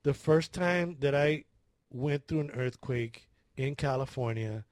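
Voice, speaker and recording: A man's voice: medium pitch, unhurried, darkish tone, dry recording, studio quality. A man telling a story in a casual chat, laughing, swearing and acting out his own panicked screams.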